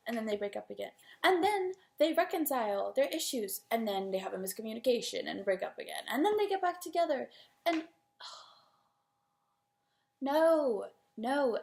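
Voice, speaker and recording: A young woman vlogging about books, ranting in an animated, exasperated way with lots of "like". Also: fairly high pitch, vocal fry. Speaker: book vlogger. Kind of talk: casual opinion vlog.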